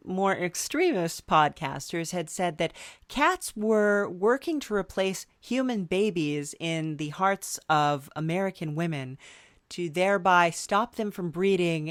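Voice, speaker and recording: A woman with a lowish voice hosts a podcast, running an improvised comedy interview in a dry, playful, rambling style packed with fillers. The recording is dry.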